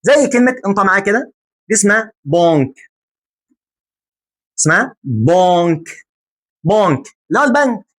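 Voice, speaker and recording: A man with an Egyptian Arabic accent teaching a French lesson in a lively, joking way, repeating words slowly to drill them. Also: high voice.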